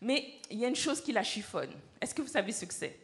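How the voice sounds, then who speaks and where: A woman telling a story to children at a church service, animated and often asking the children questions. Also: a little high, a little fast. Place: church hall.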